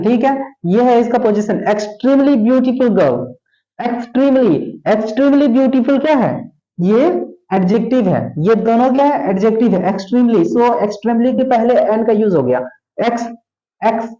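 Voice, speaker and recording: A man teaching English grammar, talking slowly, repeating words and asking his students questions. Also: very high-pitched, dark tone. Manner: slow, repeats words and asks the class questions. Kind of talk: classroom lesson explaining articles. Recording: echoey room, dull lo-fi sound.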